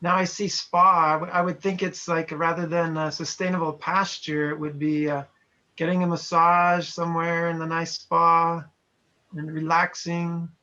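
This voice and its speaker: Sharp in tone and flat in delivery, this fairly high-pitched Montana trainer keeps a moderate pace. On lo-fi video call audio, he chats casually with people online and reads their chat messages aloud.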